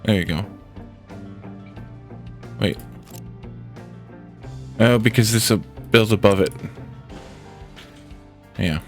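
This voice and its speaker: A man's voice: on the low side, takes it slowly, long pauses, soft background music. A man with a congested head cold, casually thinking aloud as he streams a building game. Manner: thinking aloud, muttering to himself while building. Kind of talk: casual let's-play commentary.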